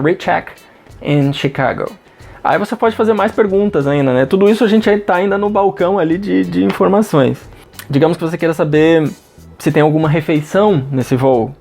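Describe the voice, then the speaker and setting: A Brazilian man with a Brazilian Portuguese accent, teaching English phrases in a casual lesson and repeating them slowly. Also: fairly high pitch, gravelly, darkish tone.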